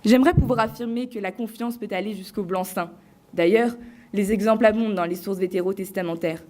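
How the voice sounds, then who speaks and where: A woman on stage delivering a prepared competition speech to a live audience, theatrical and playful, with deliberate pauses. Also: mid-range voice, darkish tone. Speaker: eloquence contest finalist.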